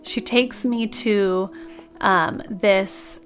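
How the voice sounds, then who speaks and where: A woman's voice: mid-range voice, fairly even intonation, extremely slow, soft background music. A young woman hosting a podcast, telling a personal story in a casual, chatty way with lots of filler words. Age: young adult. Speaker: podcast host.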